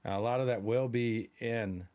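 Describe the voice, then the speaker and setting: A man's voice: medium pitch, steady tone, a little slow, darkish tone. A man co-hosting a live stream, talking in a loose, rambling, chatty way with plenty of fillers. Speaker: podcast co-host. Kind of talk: casual live-stream chat.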